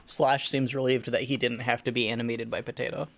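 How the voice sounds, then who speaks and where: A man narrating a tabletop role-playing game as game master, describing scenes in a halting, improvised way. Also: mid-range voice, little pitch movement, gravelly, a bit bright.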